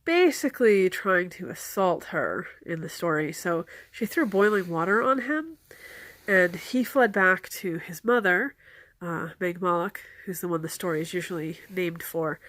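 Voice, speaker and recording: Her nose blocked by a cold, a woman with a lowish voice talks a little slowly, calmly explaining folklore and sharing practical advice. The tone is casual and earnest, and the recording is dry.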